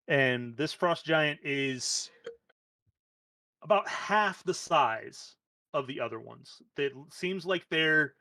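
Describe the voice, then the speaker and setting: A man's voice: on the high side, pushed and bright, dry recording. A man narrating as game master in a loose, casual way with lots of fillers.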